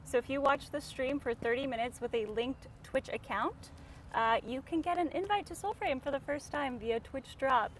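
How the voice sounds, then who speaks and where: A woman's voice: sits high, normal speed. A woman co-hosting a livestream from outdoors by a campfire, chatting casually and laughing often, her audio crackling and crunchy. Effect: crackling, crunchy stream audio. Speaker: dev stream co-host.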